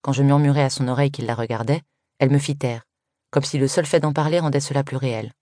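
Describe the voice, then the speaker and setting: A woman reading a first-person story aloud in an even, measured way. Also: extremely low pitch, no echo, clean studio sound. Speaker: audiobook reader. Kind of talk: scripted first-person narration.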